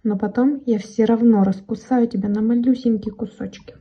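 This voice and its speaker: A woman voicing a small mouse with itching teeth that must always gnaw something, speaking slowly, emphatically and matter-of-factly. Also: fairly high pitch, fairly even intonation, breathy edge, muffled recording. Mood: blunt.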